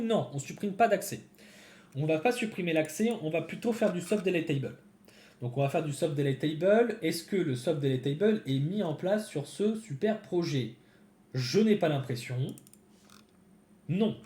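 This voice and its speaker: A man with a fairly high, mellow voice talks his viewers through a live-coding session, thinking aloud and chatting as he goes. The sound is roomy, with a noticeable echo around him. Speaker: developer streaming a coding session. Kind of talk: casual live-coding commentary.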